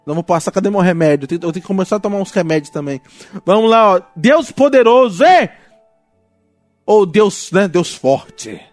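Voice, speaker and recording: Brazilian pastor guy preaching hard then dropping low, high pitched, dry mic, soft music under. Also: quick pace, dry recording. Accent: Brazilian Portuguese. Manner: animated preaching, shifts from loud rebuke to low asides. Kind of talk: sermon.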